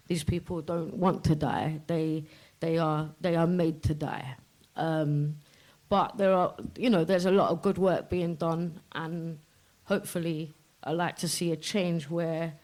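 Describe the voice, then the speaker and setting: A woman's voice: on the low side, a little mellow, low-quality recording. Blunt, outspoken woman poet speaking live. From Kashmir. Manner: blunt and outspoken, swears freely. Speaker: poet and podcast guest. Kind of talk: candid live stage chat. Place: live festival event before an audience.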